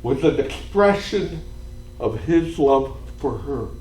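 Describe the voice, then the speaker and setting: A man, a priest, telling a story in a retreat sermon, dropping to a hush and rising to shouts. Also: mid-range voice, lively intonation, takes it slowly. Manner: dramatic storytelling, swings from hushed to shouting. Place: cathedral. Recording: echoey church hall, faint room noise.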